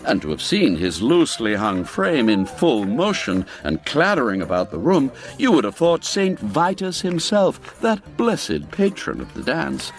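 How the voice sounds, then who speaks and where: In dramatic audio-drama storytelling, a male narrator performs theatrically, lingering over old-fashioned turns of phrase. He speaks slowly and deliberately, his pitch sweeping widely.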